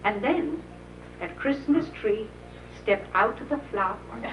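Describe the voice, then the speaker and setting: On an old, muffled and hissy VHS tape, an older woman storyteller shares a reminiscing anecdote with a small gathering. Her voice is on the high side with lively intonation, and she tells it slowly, chuckling and laughing often, heard from far off in an echoey room.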